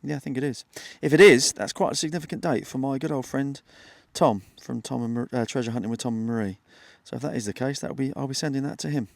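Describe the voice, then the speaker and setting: A British man in his fifties with plenty of fry in his voice talks casually, as if to regular viewers. His delivery is chatty and understated, a running commentary given outdoors. The sound is dry, with no echo around it. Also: medium pitch, fast, few pauses. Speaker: metal detecting vlogger. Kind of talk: casual outdoor vlog narration. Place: outdoors in an open grassy field.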